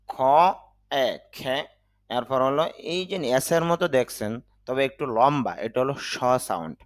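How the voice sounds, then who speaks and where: Slow, patient male English teacher. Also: medium pitch, fairly bright tone, no echo. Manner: slow, explains each sound step by step. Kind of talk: vocabulary lesson.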